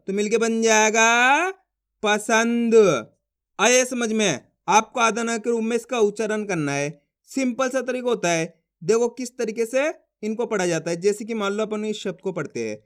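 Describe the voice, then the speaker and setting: A man teaching reading in an online lesson, slowly sounding out syllables and repeating his own questions and answers. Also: very high voice, fairly bright tone, smooth.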